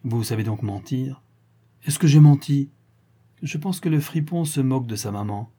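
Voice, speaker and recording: A man's voice: mid-range voice, normal speed, mellow, husky, lightly acted. A man reading an audiobook and voicing a playful, coquettish aristocratic lady who teases her young lover. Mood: mocking. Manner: playful, coquettish, lightly mocking. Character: teasing amorous aristocratic lady, older lover.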